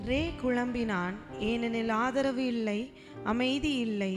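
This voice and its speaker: A woman narrating a church skit in a measured, solemn way. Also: a little high. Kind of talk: scripted narration. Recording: clear background music.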